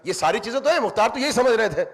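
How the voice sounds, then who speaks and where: A man's voice: extremely high pitch, expressive. A man preaching a mourning sermon, impassioned and speaking directly to the congregation in a religious center hall.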